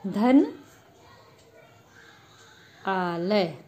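A woman's voice: mid-range voice, lively intonation, drawn-out words, warm tone. A woman teacher giving a grammar lesson, patiently asking questions and answering them herself. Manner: addresses students as children.

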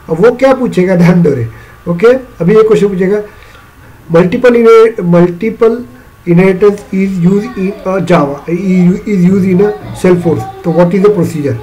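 A man's voice: high voice, warm tone, rough recording. A male teacher giving a classroom programming lecture in a mix of Hindi and English, often checking whether the students understand. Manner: repeats questions to check understanding.

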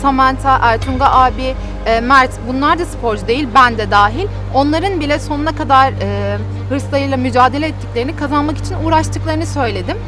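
A woman's voice: high-pitched, fairly quick, few pauses, over music. A woman reality show contestant commenting on a dispute in a critical, matter-of-fact way.

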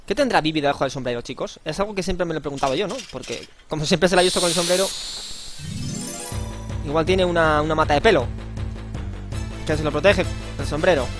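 A man's voice: fairly high pitch, fast, pauses often. A man with a Spanish accent giving casual, playful gameplay commentary, joking and exclaiming as he plays. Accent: Spain. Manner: playful, slangy, jokes and exclaims while playing. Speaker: let's play host. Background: faint game music.

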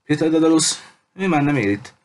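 A man's voice: a little high, animated, a little mellow, a little hiss or hum, pitched above the performer's own voice, lightly acted. A man voicing a frightened but defiant teenage girl in an audiobook, pleading and stubborn at once. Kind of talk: audiobook character reading.

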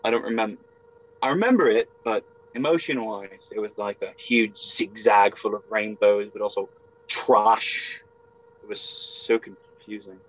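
A young adult man with a fairly low pitch plays a brash, evasive and confused exile who has been caught stealing, and his delivery is halting and excitable. It's an amateur video game role-play drama recorded on muffled, lo-fi home webcam audio.

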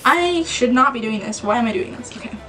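A woman's voice: fairly high pitch, lively intonation, a little fast, fairly bright tone, a little hiss or hum, poor audio. A woman vlogging to camera in a nervous, rambling way. She talks to herself and repeats her words. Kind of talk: casual vlog to camera.

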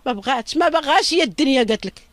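Middle-aged woman, Moroccan Arabic accent, grieving mother in an interview; lamenting, rushed delivery, dry close sound. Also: high-pitched, animated, a bit bright, dry recording. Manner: urgent, lamenting, pleading. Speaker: mother of a victim. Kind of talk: emotional interview testimony.

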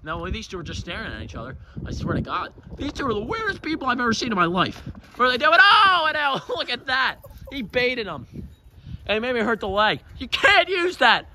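A man giving excited, joking play-by-play commentary on a wrestling match and shouting out the count. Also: very high voice, fairly quick, slight background noise.

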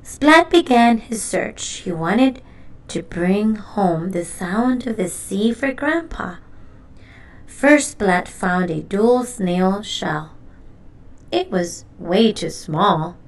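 A woman with a medium-pitched voice reads a children's storybook aloud, narrating in an expressive, deliberate way.

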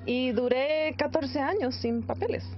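A woman's voice: high-pitched, a little slow, lo-fi sound. A Mexican-born woman in her thirties, interviewed outdoors and speaking candidly and reflectively. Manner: candid, reflective, laughs easily. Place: outdoors by trees and a beach.

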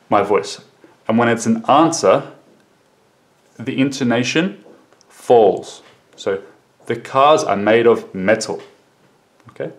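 A male teacher giving a recorded English lesson for children, repeating model sentences slowly and carefully. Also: medium pitch.

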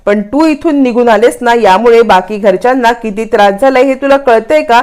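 A woman's voice: a little high, moderate pace, darkish tone, clean tone, close to an everyday voice. A woman voicing an angry young husband who lectures his wife, as part of retelling a TV serial plot. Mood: scolding. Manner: scolding, lecturing.

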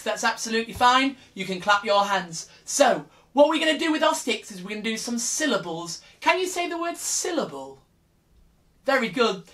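A man's voice: high voice, a bit bright. A young man leading an interactive children's music class, singing and cheering the kids on while he plays. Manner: upbeat, encouraging, sings and prompts children. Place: small room with guitars on the wall, indoors. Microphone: camera in front, seated with acoustic guitar. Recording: guitar accompaniment throughout.

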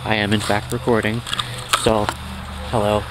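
A man vlogging from his home workshop, talking to camera in a flat, robot-like monotone. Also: fairly low pitch, normal speed, very noisy. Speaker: vlogger restoring vehicles. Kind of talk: casual talk to camera.

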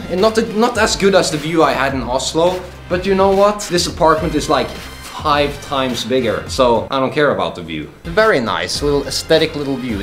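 A man from Norway hosting a vlog, giving a mock-luxury house tour of his apartment in a jokey, boastful deadpan with plenty of swearing. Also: on the high side, roomy sound. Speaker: vlog host. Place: apartment indoors.

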